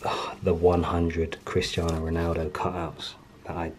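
A man's voice: low-pitched, completely flat delivery, unhurried, slight background noise. A man giving a casual, chatty tour of his house, moving from room to room and joking as he goes. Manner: chatty, laid-back, jokey asides.

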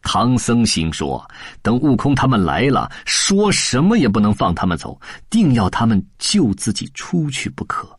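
A man narrating a classic novel as an audiobook in a lively, colloquial storytelling manner, close to the mic. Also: medium pitch, normal speed, few pauses, slightly rough, no room sound.

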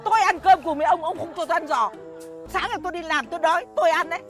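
A woman playing the old master's plump, feisty wife, firing off sharp retorts in a slapstick comedy film. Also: very high voice, racing, music in the background. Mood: defiant.

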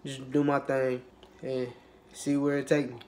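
A young man in a casual mukbang vlog, who rambles in a relaxed, low-energy way with lots of fillers and restarts and has a cold. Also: measured pace. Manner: low-energy, laid-back. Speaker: YouTuber.

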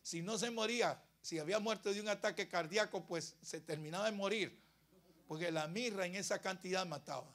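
A man's voice: sits high, a little fast, fairly bright tone. A Costa Rican male pastor giving a dramatic, emphatic sermon and asking questions of his congregation. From Costa Rica.

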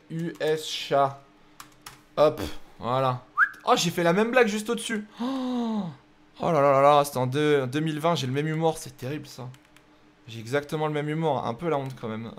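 A young man streaming live, chatting casually with his viewers and joking while he sets up racing games. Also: a little high. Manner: joking, chatty, thinks aloud while setting up races. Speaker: streamer hosting a racing game night.

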